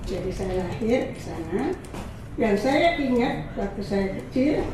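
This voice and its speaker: A woman in her eighties, from Indonesia, telling unhurried, reflective stories about her childhood. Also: mid-range voice. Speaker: family member interviewee. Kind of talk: personal recollection. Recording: echoey room, distant mic, background noise.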